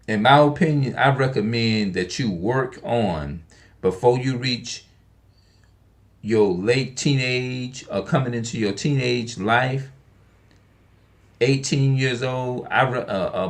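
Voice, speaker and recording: A man in his forties speaking in an unscripted monologue, emphatic and repetitive, often restarting his sentences and asking rhetorical questions. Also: lowish voice. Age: 40s. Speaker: online video speaker.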